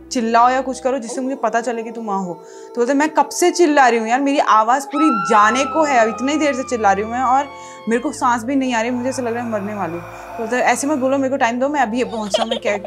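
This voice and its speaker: Young woman reading creepy texts aloud, bit high voice, music going behind, reacts a lot. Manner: animated, mixes English into chat, reacts with gasps and laughs. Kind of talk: casual storytelling read-aloud.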